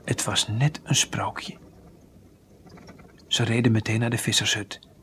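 A man calmly reading a children's story aloud, sometimes dropping to a near whisper. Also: lowish voice, unhurried, slight background noise.

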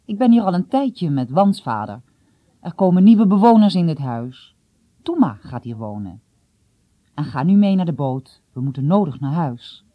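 A woman's voice: low voice, very animated, normal speed, no echo, muffled recording. A woman voicing a stern, cool middle-aged father who questions his son seriously.

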